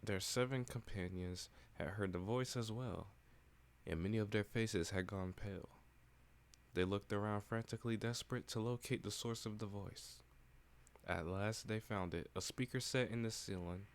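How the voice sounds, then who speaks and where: Man streamer, low voice, casual read-aloud of a game. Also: moderate pace. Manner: casual, plain narration with asides. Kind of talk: reading a visual novel aloud on stream.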